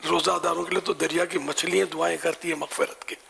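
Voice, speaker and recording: An older man answering religious questions in a folksy, conversational way, quick to laugh. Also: fairly high pitch, little pitch movement, gravelly, a bit bright, slight background noise.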